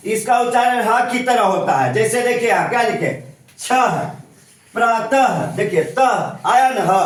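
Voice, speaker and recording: A male teacher with a very high voice leads a classroom grammar lesson. He keeps asking the students questions and checks again and again that they understand. He is picked up from far off in a very echoey room. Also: fairly bright tone, a little hiss or hum.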